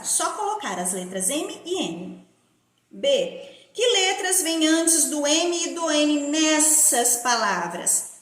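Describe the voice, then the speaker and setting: Woman teacher from Brazil, high voice, drawn-out syllables, echoey room. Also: fairly bright tone. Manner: slow, drawn-out syllable-by-syllable pronunciation. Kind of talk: primary school phonics lesson.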